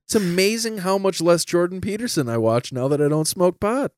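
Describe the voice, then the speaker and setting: Animated man telling a story. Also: sits high, a little fast, no room sound. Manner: animated, lots of "like", laughs often. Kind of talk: casual storytelling chat.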